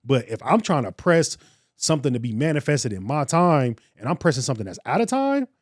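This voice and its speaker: A man's voice: mid-range voice, fairly quick, no room sound, studio quality. A man, co-hosting a casual podcast talk in an earnest, preacherly way. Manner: earnest, preacherly, animated storytelling. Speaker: podcast co-host.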